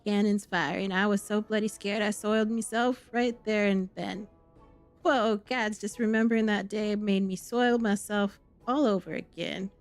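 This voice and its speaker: A woman voicing a boastful, cowardly male sailor with a rough pirate-like drawl, reading game dialogue aloud. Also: mid-range voice, steady tone, normal speed, faint music behind, close to an everyday voice. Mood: fretful. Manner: bragging, then babbling in panic.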